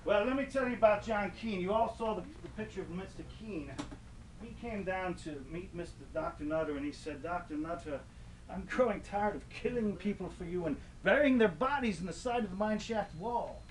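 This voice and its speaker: Macabre comic ghost tour storyteller, male actor, theatrical and wordy, strikingly high voice, slightly noisy distant recording. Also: fairly quick, natural voice. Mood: sly, grandiose. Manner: theatrical, mock-grandiose, wordy. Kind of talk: semi-scripted comic horror tour narration. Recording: distant mic, light background noise.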